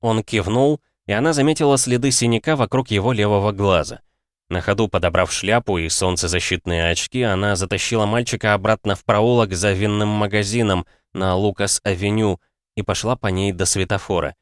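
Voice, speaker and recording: A man narrating an audiobook in a steady, even storytelling manner. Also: lowish voice, a little fast, no room sound, studio quality.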